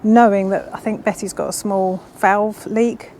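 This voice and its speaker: A woman's voice: medium pitch, steady tone, measured pace, darkish tone, slight background noise. A woman vlogging as she works on her motorbike in a home garage, chatty and self-mocking, reading instructions aloud. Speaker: motovlogger. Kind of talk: casual chat while working on a motorbike.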